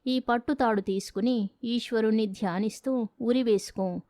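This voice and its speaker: A woman's voice: on the high side, steady tone, moderate pace, dark tone, no room sound, clean studio sound, close to an everyday voice. A woman voicing a half-mad older male landlord obsessed with family honor, speaking in a solemn, commanding way in a storybook reading.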